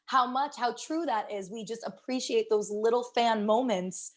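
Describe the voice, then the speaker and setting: A woman's voice: a little high, moderate pace. A woman hosting a casual podcast interview, upbeat and enthusiastic as she asks questions. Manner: enthusiastic, upbeat, full of shout-outs. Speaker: podcast host.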